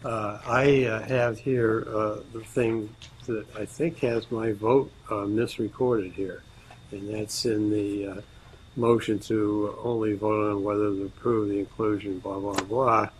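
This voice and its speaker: A man speaks up as a board member at a meeting. His voice is on the low side. He talks haltingly, stumbling through uhs and restarts, with a faint hiss behind him. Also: steady tone, low-quality recording. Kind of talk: meeting discussion.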